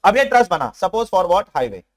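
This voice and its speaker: Young male tax lecturer with a high voice, animated, pushes students to respond, mixes in English terms. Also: moderate pace. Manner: animated, keeps prodding students to answer. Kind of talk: classroom lecture. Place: classroom with online students joining.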